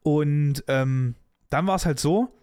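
A man's voice: fairly high pitch, takes it slowly, clean tone. A man hosting a podcast, bluntly and animatedly telling a story from his own working life in casual, colloquial talk. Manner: blunt, animated retelling of a workplace dispute with colloquial asides. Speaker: podcast host.

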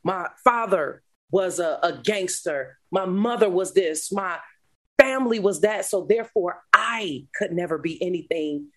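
A woman guest speaker telling her life story in an interview, animated, laughing often, moving between loud and hushed. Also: on the low side, unhurried. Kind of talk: emotional storytelling.

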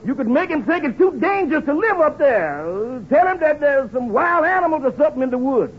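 An actor playing a bombastic, excitable scheming man in a 1950s radio comedy, declaiming and repeating himself. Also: very high-pitched, fairly quick. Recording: muffled, noisy old radio recording.

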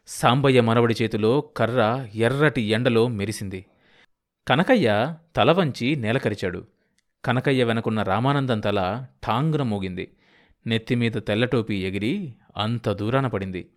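Man dramatically reading a novel. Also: lowish voice. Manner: theatrical, swelling to loud peaks. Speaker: narrator.

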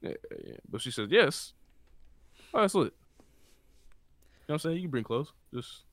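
Animated young man, dry sound. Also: a little high, moderate pace, no echo. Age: young adult. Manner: animated, swearing, repeats words in bursts. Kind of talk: casual slangy chat.

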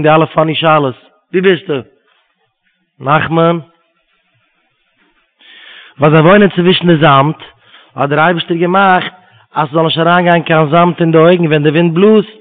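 A man giving a Talmud lesson, reading Hebrew quotes and explaining them in Yiddish. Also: on the high side. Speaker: Talmud teacher. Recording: tinny phone-line sound.

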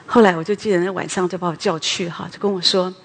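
A middle-aged woman giving a personal testimony sermon at a prayer meeting, chatty and often ending phrases with a soft "ha". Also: lowish voice, fairly even intonation, fast talker. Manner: conversational, tags sentences with a soft "ha". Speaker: preacher at a women's morning prayer meeting. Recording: long hall reverb.

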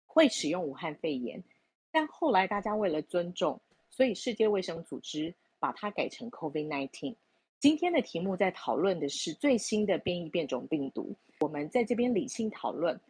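Woman co-host, very husky, firm reasoning, dry sound. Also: lowish voice, a little mellow, dry recording. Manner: measured, firm, lecturing. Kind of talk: reasoned debate.

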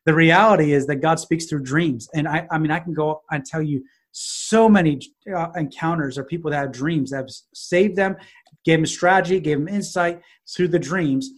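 A man with a fairly high voice, talking as a guest in a casual interview. He tells stories in an animated way and starts sentences over as he goes. His talk is full of fillers. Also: normal speed. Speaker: business consultant guest. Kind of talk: conversational storytelling interview.

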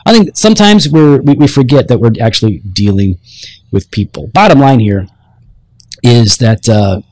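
A man's voice: mid-range voice, expressive, normal speed, darkish tone, dry recording. A man co-hosting a casual faith podcast, talking in a rambling, teasing way with many restarts. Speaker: podcast co-host.

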